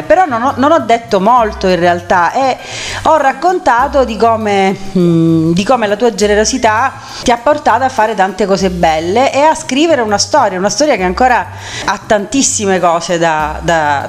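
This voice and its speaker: A woman hosting a conversational radio interview, effusive, with halting, repeated phrases. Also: medium pitch. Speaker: radio host.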